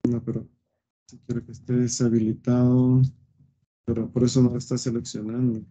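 A man's voice: mid-range voice, completely flat delivery, moderate pace, mellow, breathy edge. A man teaching a live web design coding lesson, thinking aloud with fillers and often checking "¿sí?" with his students. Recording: dull lo-fi screen recording.

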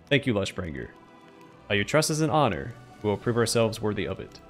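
A solemn talking tree, acted out by a man addresses its allies in formal, grand oratory. The fantasy game figure is earnest and expressive, with a fairly low voice and faint music behind. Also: fairly quick. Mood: grateful, earnest. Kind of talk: game dialogue read aloud.

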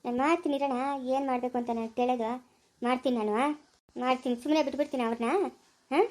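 A woman's voice: high voice, fairly even intonation, quick pace, darkish tone. A woman with a rural Chikkaballapura Kannada accent, acting an elder sister in an amateur village family skit, scolding and comforting and repeating her phrases.

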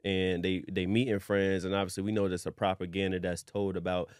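A man hosts a podcast in a relaxed, easygoing way. His voice sits low and sounds smooth and resonant. The recording is dry and close to the mic. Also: brisk, dry recording. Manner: relaxed, conversational, frequent affirmations. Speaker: podcast host. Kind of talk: casual interview hosting.

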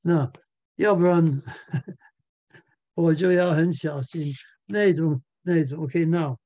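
A man's voice: fairly high pitch, takes it slowly, dark tone, no room sound. A male pastor giving a church Bible class lecture, chuckling often and repeating words as he searches for the next one.

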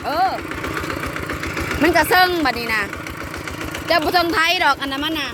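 A woman's voice: sits high, moderate pace. A woman with an Isan accent chatting and calling out encouragement as she films her husband ploughing in a field. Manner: chatty, calls out encouragement and addresses viewers as "brothers and sisters". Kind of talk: casual outdoor vlog commentary. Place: farm field outdoors. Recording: outdoor clip with loud engine noise. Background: tractor engine running.

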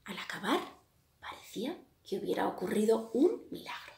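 A woman from Spain reading a children's picture book aloud in a lively, dramatic way. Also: mid-range voice, normal speed, gravelly, slight background noise. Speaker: storyteller. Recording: echoey room.

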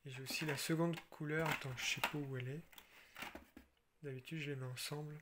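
A man from France casually showing his toy car collection, chatty and relaxed, with frequent fillers and restarts. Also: fairly high pitch, a little fast, background noise. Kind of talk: casual show-and-tell.

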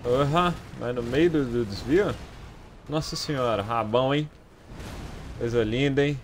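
A young man with a Brazilian Portuguese accent giving live gameplay commentary, excitable, swearing often and yelling at enemies. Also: medium pitch, unhurried, a little hiss or hum. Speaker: gaming streamer.

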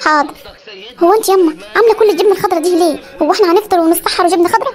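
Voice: very high-pitched, very fast. An actor voicing a cheeky, lazy young village daughter in a comedy cartoon, whining and talking back, with an Upper Egyptian accent. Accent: Upper Egyptian Arabic. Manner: whiny, talks back, stalls.

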